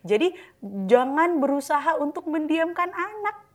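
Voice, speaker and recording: A woman with a fairly high voice talks through parenting advice on a casual podcast. She explains at length with lively energy and sometimes drops into a calm, soft tone to show how to speak. It sounds like a relaxed chat between guests. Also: a little slow.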